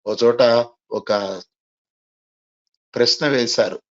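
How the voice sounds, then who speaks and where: A man's voice: on the low side, very slow, highs cut off. A man giving a classroom lecture on communication skills, spelling key words letter by letter and posing rhetorical questions to his listeners. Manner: asks and answers rhetorical questions.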